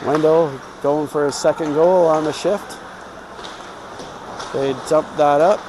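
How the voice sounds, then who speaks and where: A man's voice: fairly high pitch, fairly even intonation, slow pace. Guy doing casual play by play for a kids hockey game, takes his time, noise behind him. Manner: informal, partisan toward home team. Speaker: youth hockey play-by-play commentator. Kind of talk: live sports commentary. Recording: clear rink noise behind.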